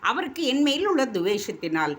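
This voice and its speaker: A woman reading the lines of an earnest, tender young prince, gentle and reassuring in a storybook. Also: lowish voice, big pitch swings, moderate pace.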